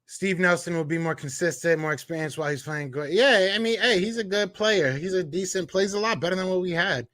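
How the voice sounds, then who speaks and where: A man with a Philadelphia accent hosting a live sports podcast, reading out chat comments and trash-talking in a casual, animated way. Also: high-pitched, brisk, hardly any pauses, no echo. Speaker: podcast host.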